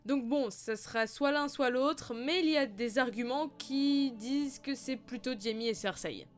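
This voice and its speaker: A young woman vlogger talking casually about fan theories, playful and self-mocking, her voice slightly hoarse. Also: high voice, measured pace. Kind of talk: casual chatty video commentary.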